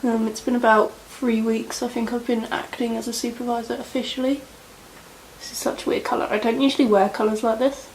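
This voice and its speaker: A woman's voice: fairly high pitch, little pitch movement, fairly quick, a little hiss or hum, poor audio. Chatty woman doing makeup. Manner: rambling, chatty, lots of "like" and "you know". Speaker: beauty vlogger. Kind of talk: casual chat while doing makeup. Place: indoors at home, doing makeup.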